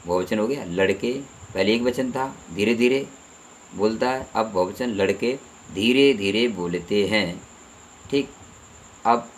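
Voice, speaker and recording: Lower-voiced man teaching grammar. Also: slight background noise, poor audio. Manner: repeats terms and asks the listener rhetorical questions. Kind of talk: explanatory grammar lesson.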